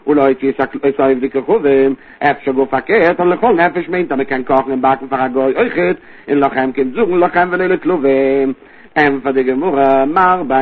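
A man teaching a Talmud study lesson with a rapid, rising and falling study cadence. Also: mid-range voice, breathy edge. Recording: tinny phone-line recording.

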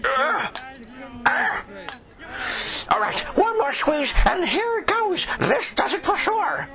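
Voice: extremely high pitch, sing-song, slow, vocal fry, crowd noise, full character voice. A performer voicing a bumbling, secretive tavern drinker in a storybook tale, full of fillers. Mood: straining. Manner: hesitant, many fillers.

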